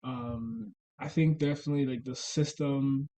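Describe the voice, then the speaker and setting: A man's voice: on the high side, very animated, unhurried, creaky, mellow, rough recording. A young man from Rwanda, a university student, answering interview questions casually with many ums and uhs. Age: young adult. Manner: hesitant, many ums and uhs, laughs often. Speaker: interview guest.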